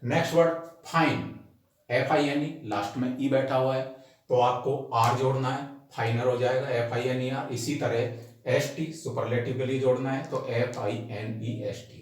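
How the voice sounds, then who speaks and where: A man teaching English grammar to students. He explains each rule slowly and patiently, spells words out letter by letter, and repeats every point. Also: mid-range voice, steady tone. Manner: addresses the class directly as students. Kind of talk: recorded grammar lesson. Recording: very echoey room.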